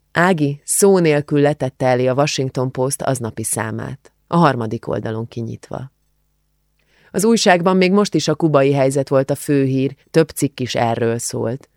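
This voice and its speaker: Male audiobook narrator with a Hungarian accent, measured, gravelly, dry studio sound. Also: mid-range voice, no room sound. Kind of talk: scripted narration.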